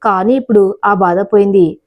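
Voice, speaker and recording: A woman's voice: medium pitch, normal speed, narrow, tinny audio, close to an everyday voice. A woman voicing a kind, tearful middle-aged mother-in-law who speaks tenderly to her daughter-in-law in a told story.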